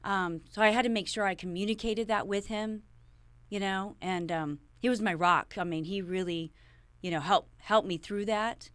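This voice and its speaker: Middle-aged woman guest, bright crisp voice, rambling interview storytelling, dry close sound. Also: mid-range voice, steady tone, normal speed, no echo. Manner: rambling, repeats and restarts words. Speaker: podcast guest.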